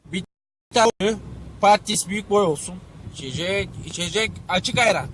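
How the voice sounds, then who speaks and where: A young man with a Thracian Turkish accent, performing crude rapid-fire comic sketches full of swearing. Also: high voice, a bit bright, a little hiss or hum. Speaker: comedy sketch creator.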